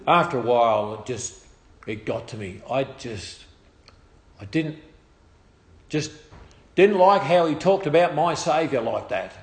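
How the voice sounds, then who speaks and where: An Australian man telling a personal testimony story in a halting way, with restarts and trailing phrases. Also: medium pitch, animated, reverberant.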